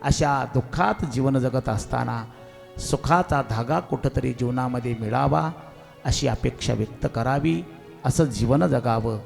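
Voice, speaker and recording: A man's voice: mid-range voice, a little slow, vocal fry, darkish tone, faint music behind. A man giving a devotional sermon as a preacher, earnestly exhorting his listeners while telling a sacred story. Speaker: kirtan preacher.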